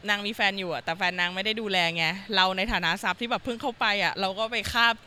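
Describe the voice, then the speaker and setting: A woman's voice: mid-range voice, fast talker, pushed and bright, slight background noise. A woman guest telling her experiences in a chatty, rambling way, full of fillers. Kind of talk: casual conversation.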